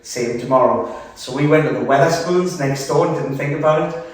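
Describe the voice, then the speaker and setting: A man, a band member guest, telling lively tour anecdotes in casual chat. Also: a little high, brisk, recorded from a distance. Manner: lively anecdote-telling, acts out quoted dialogue. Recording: echoey room, off-mic.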